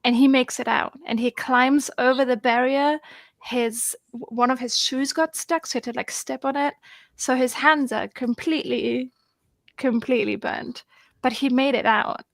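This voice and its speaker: A woman chatting excitedly on a video call, rambling with lots of fillers. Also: high voice, moderate pace, dry recording. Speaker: guest on a group video chat. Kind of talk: casual chat.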